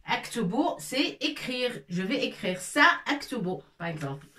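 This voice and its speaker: A woman teaching a lesson in French, slowly drilling syllables as she writes on a board. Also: a little high, big pitch swings, a bit bright, slight background noise. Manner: slow, repetitive, drilling syllables. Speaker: Arabic teacher. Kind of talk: casual classroom lesson, writing on a board. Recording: echoey room, mic at a distance.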